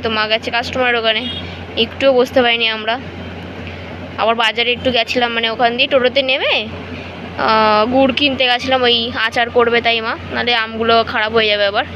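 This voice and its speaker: A young woman vlogging in a casual, chatty way, cooing to her dog and later speaking softly at night. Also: a little high, steady tone, quick pace, dull audio, background noise. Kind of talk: casual vlog chat.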